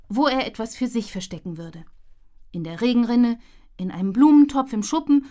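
A woman reading a children's story aloud as storyteller, lively with soft, quiet endings. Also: mid-range voice.

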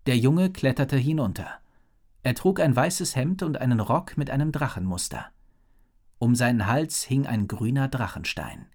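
Lively man narrating a children's story. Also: medium pitch, moderate pace. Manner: lively, expressive reading. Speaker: audiobook narrator.

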